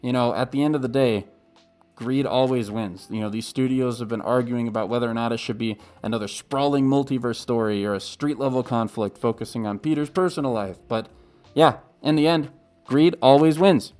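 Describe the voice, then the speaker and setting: A man's voice: medium pitch, brisk, a little mellow. A man giving opinionated YouTube commentary in a muffled voice, as if through a mask, emphatic and exasperated with casual asides. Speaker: YouTube video essayist. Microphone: webcam setup. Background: music.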